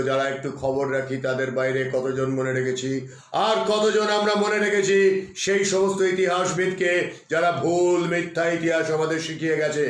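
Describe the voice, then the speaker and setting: A man presenting a history talk on a live stream, who keeps asking his viewers rhetorical questions and stresses key words. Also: on the high side. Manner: emphatic, spells out terms letter by letter. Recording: echoey room.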